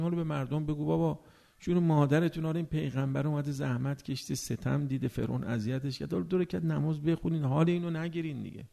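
A man preaching a religious sermon, animated and rhetorical, often asking his listeners whether they agree. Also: a little high, creaky. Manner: animated, acts out everyday speakers.

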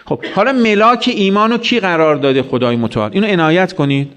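A man's voice: high voice, lively intonation, fairly bright tone. A man giving a religious sermon, telling stories and asking the listeners questions. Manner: storytelling with acted quotes and rhetorical questions. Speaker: preacher.

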